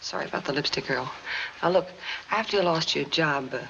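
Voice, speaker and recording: An actress playing a shrewd newspaper reporter, softly asking leading questions in a muffled 1940s film. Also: female voice, sits low, brisk. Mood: coaxing, calm. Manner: soft-spoken, leading questions. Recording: muffled, noisy 1940 film soundtrack.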